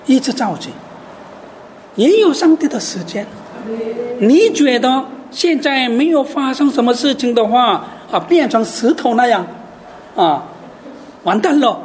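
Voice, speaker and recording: A woman's voice: sits high, a little mellow, slight background noise. A woman preacher giving a sermon who keeps asking rhetorical questions and drops English words into her talk.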